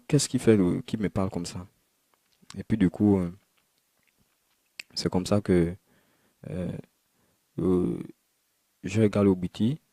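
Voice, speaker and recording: Low, flat-voiced man telling his testimony. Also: no echo. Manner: halting, repetitive retelling with many restarts. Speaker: man giving a conversion testimony. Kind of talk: personal testimony storytelling.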